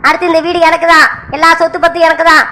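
A woman's voice: very high-pitched, little pitch movement, very fast, sharp tone. A woman voicing a brash, idle young village man who argues and whines as he demands to be let into the house. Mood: defiant. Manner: whiny, demanding, argumentative. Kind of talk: cartoon voice acting.

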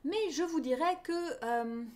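A woman's voice: high-pitched, slow, darkish tone. A woman teaching a live online knitting class. She talks in a chatty way and often checks in with her viewers. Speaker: knitting teacher hosting a knit-along.

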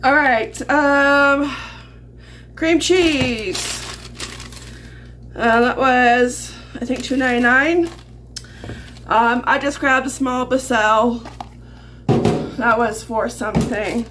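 This high-voiced Canadian woman takes it slowly with long pauses, her tone steady and a bit bright, as she rambles through a chatty grocery haul vlog and laughs often. She's recording indoors in a small home kitchen on camera audio that's noisy.

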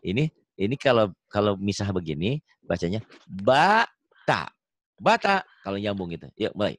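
A deep-voiced male teacher on a video call, walking a beginner through Quran reading. He models each syllable loudly and coaxes with light jokes. The sound is dry and close. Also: lively intonation, fast talker, no echo. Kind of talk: online one-on-one reading lesson.

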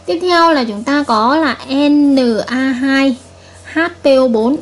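A woman's voice: sits high, takes it slowly. A woman chemistry teacher giving a recorded video lesson, patiently repeating each point and checking with her students.

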